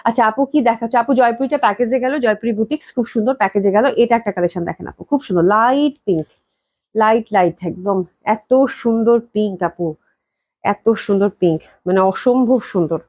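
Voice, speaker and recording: Selling clothes on a live stream, this woman from Bangladesh speaks fast in a fairly high, slightly mellow voice, though she purposely talks slowly at moments to suppress a cough. Prices get repeated endlessly, English phrases slip into her patter, and the sound is dull and lo-fi.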